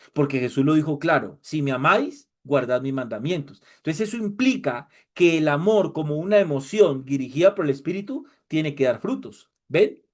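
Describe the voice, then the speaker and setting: A man delivers a sermon in a high, lifted voice. He preaches with passion and mocks the worshippers he mimics. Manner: impassioned, mocking mimicry of worshippers.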